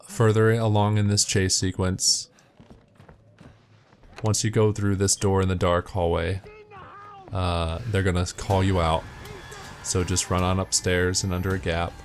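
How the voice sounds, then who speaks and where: In a low-pitched voice, a man narrates a video game walkthrough, giving matter-of-fact, step-by-step instructions.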